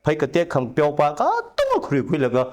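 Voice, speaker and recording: A man speaking at length as a talk show guest, giving long animated explanations with rising emphasis. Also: a little high, fast. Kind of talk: conversational discussion.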